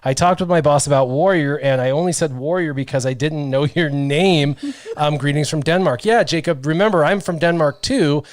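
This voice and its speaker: A man's voice: fairly high pitch, moderate pace, dry recording. A man in his thirties hosting a casual livestream from a small home studio, reading viewer comments aloud and joking about himself. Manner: reads chat comments aloud, jokey and self-deprecating. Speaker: host. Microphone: studio mic with headphones.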